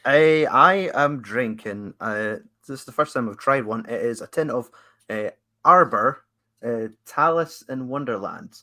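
Scottish guy, bright sharp voice, medium pitch, halting casual podcast chat. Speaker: podcast co-host.

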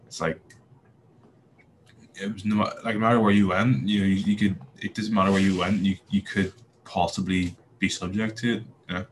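The rough recording, with a little hiss or hum, captures a young Belfast-accented man from Northern Ireland guesting on a podcast. He keeps a low, level voice at a moderate pace. His casual interview answers are hesitant, with many fillers and restarts.

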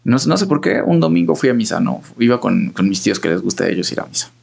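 A man's voice: fairly low pitch, sing-song, fast, creaky, darkish tone, husky. A young man with a Mexican Spanish accent chatting casually on a podcast, telling a rambling story full of slang and fillers. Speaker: podcast co-host. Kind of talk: casual conversation.

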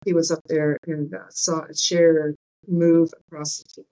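A woman's voice: low-pitched, flat delivery, a little slow, warm tone, highs cut off. A woman interview guest casually telling personal stories in a hesitant, loose way.

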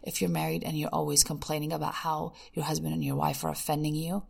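A woman's voice: sits low, fast talker, vocal fry, darkish tone, slightly rough. A woman hosting a podcast episode, speaking to listeners in a candid, coaching self-help monologue and often posing rhetorical questions. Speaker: podcast host.

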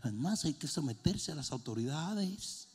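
A man preaching a sermon, joking and shouting in turns. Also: on the high side, moderate pace, slightly rough. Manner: animated, jokey, swings between shouting and mimicking. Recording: long hall reverb.

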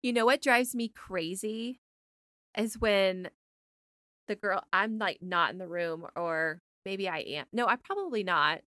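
Bright-voiced chatty woman. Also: mid-range voice, a little slow, dry recording, studio quality. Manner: chatty, fills with "like". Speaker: podcast co-host. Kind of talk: casual chat.

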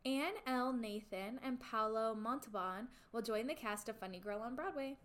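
A woman's voice: on the high side, moderate pace, fairly bright tone. A woman co-hosting an entertainment news podcast, switching between reading promotional copy and casual reactions. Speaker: podcast co-host.

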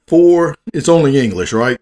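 A man with a Southern American accent presents facts aloud, pausing for folksy, wisecracking jokes and sometimes stumbling over long, difficult words. His voice is on the high side and mellow, with lively intonation and a moderate pace.

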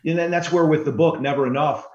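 A man in his forties, a guest author on an interview podcast, explaining in an earnest, steady way. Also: on the high side, fast talker. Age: 40s. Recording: roomy, slightly dull sound.

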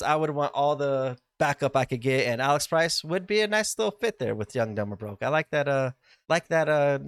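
A man's voice: fairly high pitch, fairly bright tone, no echo. A man co-hosting a podcast, talking casually with frequent fillers and restarts. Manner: rambling, many fillers and restarts. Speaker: podcast co-host. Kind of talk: casual chat.

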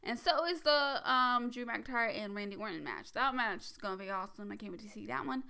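A woman chatting casually as a wrestling fan, giving her predictions in a bubbly, rambling way, full of fillers and quick whispered asides. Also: a little high, creaky, clean tone. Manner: drops to a whisper for excited asides. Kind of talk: casual vlog chat.

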